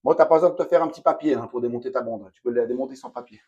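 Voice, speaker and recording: A man's voice: medium pitch, racing, darkish tone, lo-fi sound, slight background noise. A man talking casually and bluntly to the viewer while demonstrating a repair in his home bathroom. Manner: blunt, slangy, chatty, addresses viewer directly. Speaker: DIY home repair vlogger.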